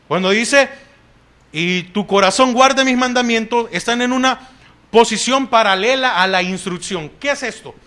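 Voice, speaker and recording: Slow, bright-voiced Salvadoran preacher. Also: male voice, extremely high pitch. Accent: Salvadoran Spanish. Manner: asks the congregation questions and answers them, punctuated with "amén". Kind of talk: sermon. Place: church.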